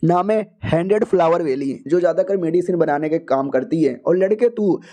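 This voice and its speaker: A man doing a stout senior disciple who boasts and haggles. His voice sits high but stays soft and warm in tone. He teases the younger ones with easy, smug confidence in a comic storybook recap. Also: moderate pace, natural voice. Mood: boastful. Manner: bragging, haggling, teasing.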